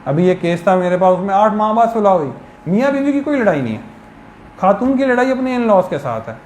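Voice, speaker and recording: A man with a fairly high voice lectures on law in a classroom, walking through examples in a patient, explanatory way. The room rings with echo, and a faint hiss sits underneath. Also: very animated, a little fast, a little mellow. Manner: explanatory, uses worked examples. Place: lecture hall. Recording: echoey hall with background hiss.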